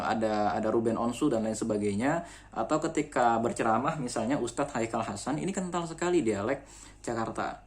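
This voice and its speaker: A man at a moderate pitch gives an explanatory school lesson with an Indonesian accent. He talks the class through the material patiently, with many fillers and asides. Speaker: teacher. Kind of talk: classroom lecture.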